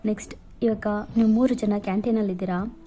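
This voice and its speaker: A woman narrating a second-person fan fiction audio story, calmly addressing the listener. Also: mid-range voice, fairly quick.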